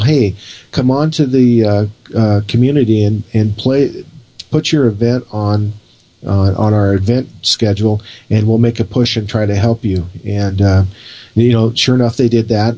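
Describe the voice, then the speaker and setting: A man chatting casually as a radio interview guest, rambling and halting as he searches for words. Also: lowish voice, mellow, rough recording.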